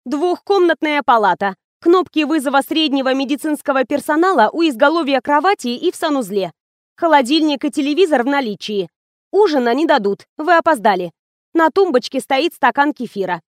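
A woman's voice: high voice, animated, a little fast, dry recording, studio quality, voice pushed up. A woman reading an audiobook, voicing a young, sulky, snappish nurse with a whiny, rude manner. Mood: curt. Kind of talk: audiobook character voice.

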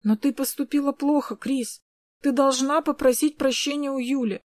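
A woman voicing a protective older brother who speaks firmly without shouting, in a read-aloud story. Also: sits high, normal speed, dry recording, studio quality, natural voice. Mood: gentle firm. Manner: firm, calm, commanding. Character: firm protective older brother, young man.

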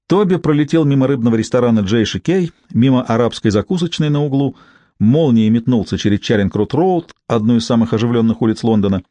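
A man's voice: mid-range voice, animated, brisk, dark tone, no room sound. A man narrating a first-person audiobook in a dry, ironic storytelling manner.

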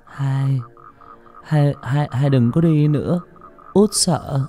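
A man's voice: mid-range voice, a little fast, darkish tone, pitched above the performer's own voice, lightly acted. A man voicing a terrified youngest daughter, a small girl who stammers and sobs in a story read aloud. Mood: stammering fear. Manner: stammering, sobbing cries.

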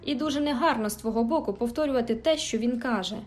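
Storybook teen girl, fiery yet tender, read by a woman, higher voice, faint music behind. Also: fast talker, lightly acted. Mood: indignant. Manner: emphatic, indignant outbursts. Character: spirited teenage girl, quick-tempered but tender.

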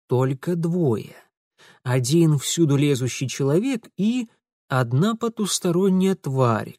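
A man's voice: fairly high pitch, darkish tone, no room sound. A male narrator reads a story with dramatic expression, his slightly raised voice rising and falling widely. The sound is close and dry, with no room around it. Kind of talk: audiobook narration.

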